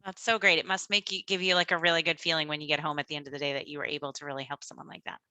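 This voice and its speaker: A woman's voice: deep voice, little pitch movement, racing, pushed and bright, no room sound. A woman moderating a panel, encouraging her guest and asking follow-up questions. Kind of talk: casual interview.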